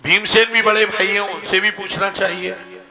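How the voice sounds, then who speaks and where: A man's voice: sits high, fairly even intonation, normal speed. A man telling scripture stories in a devotional sermon, weaving in verses. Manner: storytelling, chanting scripture verses. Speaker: religious storyteller. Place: live religious festival gathering. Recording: live sermon with music behind. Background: devotional music.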